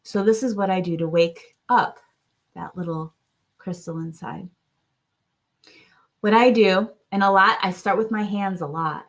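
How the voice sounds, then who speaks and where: A woman with a mid-range voice talks slowly through a calming self-care routine. Her tone is soft and soothing, and it sometimes sinks almost to a whisper. She checks in often with a questioning "right?" and restarts her sentences as she searches for words. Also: mid-range voice. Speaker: wellness teacher. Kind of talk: gentle guided self-care talk.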